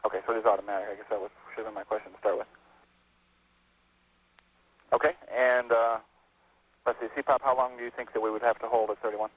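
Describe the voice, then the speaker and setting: Launch director heard over a radio loop: a man with a low voice, methodical and clipped, on a dry narrow line. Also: level tone, quick pace, long pauses, husky, no room sound. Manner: methodical, asks short procedural questions. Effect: radio comms loop transmission. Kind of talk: mission control loop communications.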